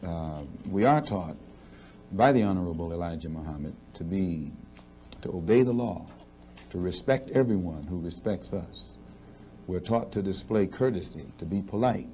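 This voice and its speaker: Deep, mellow man, firm and precise. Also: expressive, normal speed, a little hiss or hum. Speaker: spokesman for a religious movement. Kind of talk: measured, articulate advocacy in an interview.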